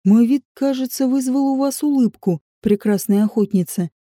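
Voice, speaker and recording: A woman's voice: on the high side, moderate pace, warm tone, dry recording, clean studio sound, natural voice. A woman voicing a courteous young adventurer. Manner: polite, formal storyteller's phrasing.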